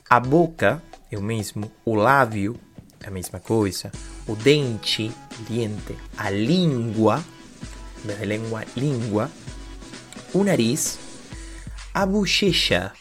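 A man with a Rioplatense accent teaching a casual video lesson, playful and jokey, repeating words slowly. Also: lowish voice, a bit bright. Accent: Rioplatense Spanish. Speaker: Portuguese teacher.

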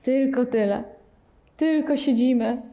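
A woman leading a meditation workshop, explaining in a lively way and acting out anxious inner voices. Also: high voice, slow pace. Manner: animated, acts out panicked inner voices. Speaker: meditation teacher. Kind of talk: workshop teaching.

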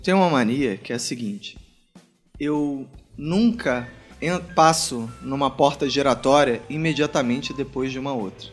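A man's voice: mid-range voice, measured pace, soft background music. A man with a Brazilian Portuguese accent, telling his habits in a hesitant, rambling way. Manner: hesitant, rambling with many restarts. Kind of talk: casual group chat.

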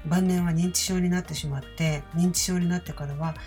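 A woman's voice: lowish voice, fairly even intonation, brisk, dark tone, soft background music. A woman from Osaka chatting candidly about her childhood, with self-deprecating asides. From Osaka, Japan. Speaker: channel host. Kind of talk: casual personal storytelling.

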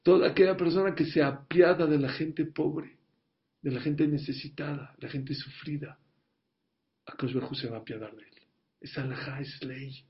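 A man telling a story in a sermon, slowing down and growing louder for emphasis. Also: a little high, steady tone. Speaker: religious teacher. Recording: dull lo-fi recording.

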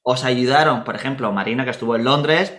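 Spanish man, mid-pitched, casual storyteller who acts out dialogue. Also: a little fast. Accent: Spanish from Spain. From Spain, Murcia. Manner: animated anecdotes, acts out dialogue.

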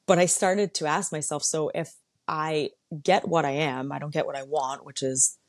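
Low-voiced woman hosting a candid solo talk. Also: fairly even intonation, moderate pace, dry recording. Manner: candid, sarcastic, conversational. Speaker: podcast host. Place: lives in San Diego.

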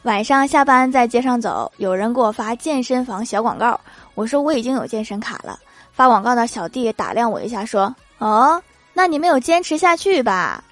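A woman hosting a comedy show, reading jokes aloud with lively delivery and laughter between them. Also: on the high side, brisk, soft background music. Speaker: host of a comedy joke show.

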